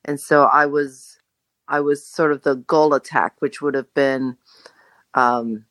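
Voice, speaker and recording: A middle-aged woman from Jamaica, a podcast guest telling her story in a reflective way, pausing to search for words. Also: very deep voice, fairly even intonation, fairly bright tone, no echo. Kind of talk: casual conversation.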